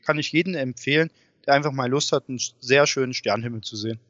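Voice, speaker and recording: A man's voice: medium pitch, fast, fairly bright tone. A man, an interview guest chatting in an informal, enthusiastic way. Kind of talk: casual chat. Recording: dull, muffled sound with room echo.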